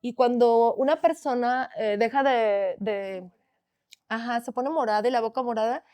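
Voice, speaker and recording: A woman hosting a faith podcast, telling a personal testimony in an earnest, animated way with vivid quoted dialogue. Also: fairly high pitch, normal speed, smooth. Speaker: podcast host sharing a testimony.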